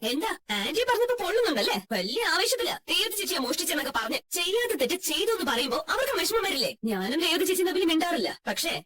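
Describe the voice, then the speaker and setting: A woman voicing a sharp-tongued young sister-in-law. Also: very high-pitched, very animated, quick pace, hardly any pauses, heavily acted. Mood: sarcastic. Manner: sharp, sarcastic, challenging. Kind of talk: fan dub of a TV serial scene.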